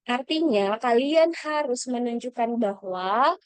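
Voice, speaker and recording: A woman's voice: a little high, animated, slow pace, smooth, dry recording. A woman mentoring scholarship applicants in an online lesson, speaking encouragingly to the audience with frequent fillers and self-corrections.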